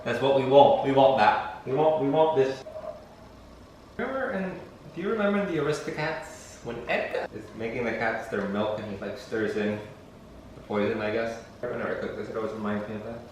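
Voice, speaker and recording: A man's voice: mid-range voice, lively intonation, fairly quick, darkish tone. A man hosting a casual, rambling home recipe video, talking playfully with dry, self-deprecating asides. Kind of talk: casual, rambling cooking demonstration. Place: indoors at a stove, echoey room. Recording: echoey, distant mic with faint noise.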